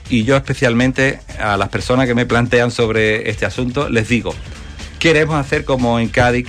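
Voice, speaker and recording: A man's voice: mid-range voice, a bit bright. A man from Málaga, a political candidate giving earnest, fluent answers in a radio interview. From Málaga, Spain. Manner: earnest, fluent campaign talk with fillers.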